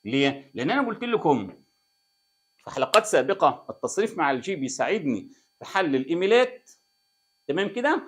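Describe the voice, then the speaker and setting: A man's voice: on the high side, fast talker, long pauses. A middle-aged man with an Egyptian Arabic accent teaching a French lesson, drilling pronunciation and checking in with his students. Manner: lively, repetitive drilling, asks "tamam keda?" often. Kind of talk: classroom-style lesson explaining French grammar.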